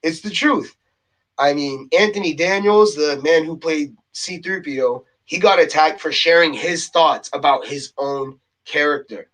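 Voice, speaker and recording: A man's voice: fairly high pitch, unhurried, a bit bright, poor audio. A man ranting on his own to camera, heated and exasperated, a little out of breath, who keeps repeating himself and tags his points with "okay?". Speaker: vlogger. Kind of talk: casual rant to camera.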